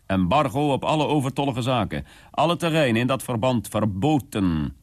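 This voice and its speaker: A man's voice: medium pitch, big pitch swings, moderate pace, voice pushed up. A man voicing an eccentric older man in a radio drama, barking erratic commands at a youth. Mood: ranting. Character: eccentric, ranting older man, lord of his room.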